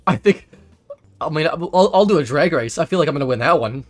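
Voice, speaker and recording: A man's voice: on the high side, fairly quick. A man hosting a car build walkthrough, then chatting and laughing with friends while racing in a driving game. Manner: upbeat, laughs often, excitable when startled. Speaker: host.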